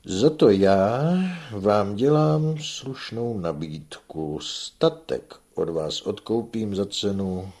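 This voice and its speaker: A man reads a cunning old farmer in a low, slightly husky voice. He speaks with easy, familiar authority and leans on every offer to win it. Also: darkish tone. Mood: persuasive. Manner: familiar, commanding, persuasive.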